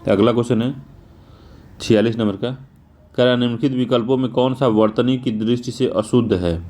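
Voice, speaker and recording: Man teaching slowly, dark voice. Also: mid-range voice, fairly even intonation. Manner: spells words slowly and repeats them; informal, repeats "theek hai" often. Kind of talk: exam-prep lesson, going through test answers.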